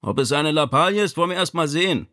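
Ein Mann spricht einen besonnenen erwachsenen Sohn. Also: male voice, on the high side, animated, fast, bright, forceful tone, voice pushed up. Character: adult son, level-headed and insistent.

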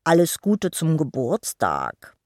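Woman playing a gruff young troll boy. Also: low voice, very animated, extremely slow, no room sound, clean studio sound, full character voice.

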